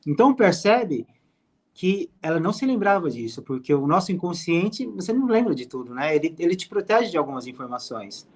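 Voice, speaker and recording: A man, a hypnotherapist guest calmly explaining his work in an interview. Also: fairly high pitch, brisk. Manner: calm, explanatory storytelling. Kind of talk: interview conversation.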